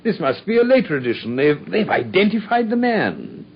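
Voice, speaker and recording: Doctor Watson, husky, earnest Englishman. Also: high-pitched, sing-song, normal speed, full character voice. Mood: mild, engaged. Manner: hesitant, stammering, courteous. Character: earnest, polite male doctor, detective's astonished companion. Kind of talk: British radio drama acting. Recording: dull, muffled radio drama recording.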